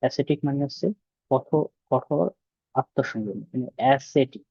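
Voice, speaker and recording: A man's voice: medium pitch, normal speed, creaky, mellow, slightly rough, no echo. Man tutoring vocabulary, muffled dry sound. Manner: explains with memory tricks and frequent rhetorical questions. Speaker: exam prep tutor. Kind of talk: vocabulary lesson.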